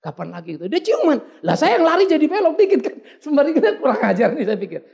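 Gravelly, animated middle-aged male pastor. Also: very high voice, very fast. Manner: animated, colloquial, mixing in English words; dramatic swings between quiet asides and loud outbursts. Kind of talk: storytelling sermon. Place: church service.

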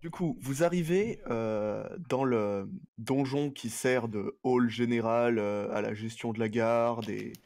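A man running a tabletop role-playing game, narrating and voicing dialogue in a halting, improvised way. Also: mid-range voice, a little mellow. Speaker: game master.

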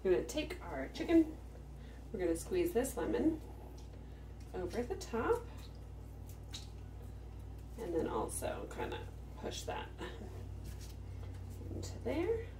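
Woman cooking at home, slow step-by-step talk, lively pitch, roomy kitchen sound, off-mic. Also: distant mic, a little hiss or hum. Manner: unhurried step-by-step explaining while working. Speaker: home cook, farmstead channel host. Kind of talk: cook-with-me kitchen demonstration.

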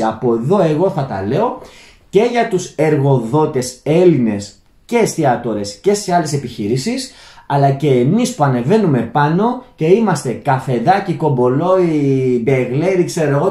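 A man's voice: a little high, dark tone. Greek man ranting in echoey room. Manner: rambling, many restarts, addresses "friends". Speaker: channel host. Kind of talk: unscripted monologue to viewers. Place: Germany, indoor room.

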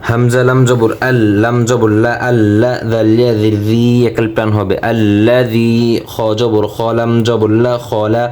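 A man's voice: mid-range voice, little pitch movement, darkish tone, a little hiss or hum. Man spelling out recitation syllables. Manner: spells out each letter and vowel sign, then joins the syllables; brisk, matter-of-fact explaining. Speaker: Quran teacher. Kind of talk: step-by-step recitation lesson.

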